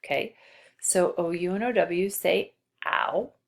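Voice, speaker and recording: A woman teacher giving a patient spelling lesson to a child, slowly spelling out letters. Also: on the low side, vocal fry.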